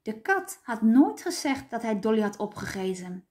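A woman teacher reading a children's storybook aloud with clear, expressive storytelling. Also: on the high side, moderate pace.

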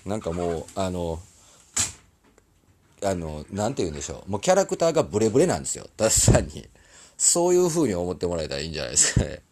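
A fast-talking musician from Osaka, his voice low and darkish with wildly swooping pitch, chats casually on a live stream. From the recording studio, he rambles, keeps apologizing, and laughs often in his Osaka dialect.

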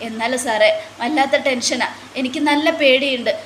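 A woman's voice: sits high, normal speed, a bit bright, slight background noise. A woman voicing a frightened male shop worker and father of two who stammers and pleads anxiously. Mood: fearful pleading.

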